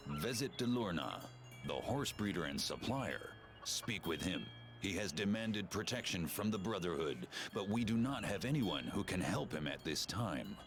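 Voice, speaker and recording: A man's voice: low voice, sing-song, moderate pace, over music. An actor playing a formal townsman who hands out jobs in a video game.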